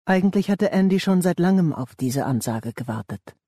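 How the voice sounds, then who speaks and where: A man reading a thriller audiobook in a measured, tense storytelling manner. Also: sits high, expressive, warm tone, breathy edge, no room sound, clean studio sound. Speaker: audiobook narrator. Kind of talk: scripted thriller narration.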